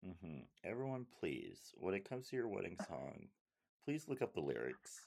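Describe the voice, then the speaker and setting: A man's voice: sits low, sing-song, moderate pace, gravelly, darkish tone, slight background noise. A man co-hosting a podcast, joking and giving emphatic advice to listeners. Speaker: podcast co-host. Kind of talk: casual movie recap chat.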